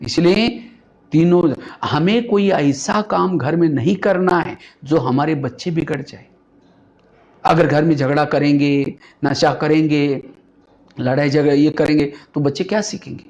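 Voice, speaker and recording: A man's voice: fairly high pitch, a little slow, darkish tone. A man giving a spiritual talk, telling stories and asking rhetorical questions. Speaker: spiritual speaker. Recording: dull lo-fi recording.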